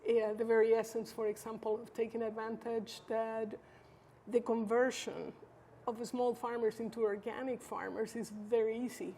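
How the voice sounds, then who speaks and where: Measured Chilean-born woman, slightly high voice. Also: level tone, warm tone. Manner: thoughtful, measured, with frequent fillers and restarts. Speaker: interview guest, social entrepreneur. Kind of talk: conversational interview answers. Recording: faint background noise.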